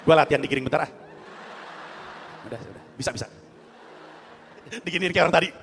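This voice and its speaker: Male stand-up comic, high gravelly voice, animated, voices his characters, reverberant hall. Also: fast, slight background noise. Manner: animated, acts out other people's voices. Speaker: stand-up comedian. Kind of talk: stand-up comedy routine. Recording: long hall reverb, faint ambience.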